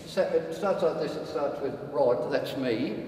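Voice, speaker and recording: An older man, a comedian, talking through his show in a mock-earnest, deadpan way. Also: on the high side, a little slow, slight background noise. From Australia. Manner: mock-earnest, acting out a crowd's cheers. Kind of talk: deadpan comic sketch. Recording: echoey room, heard from a distance.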